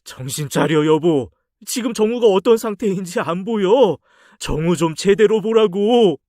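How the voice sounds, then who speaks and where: A woman voicing a grieving middle-aged husband who pleads in a low, urgent voice in a dramatized story reading. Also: animated, measured pace, mellow, dry recording, studio quality, lightly acted. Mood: pleading.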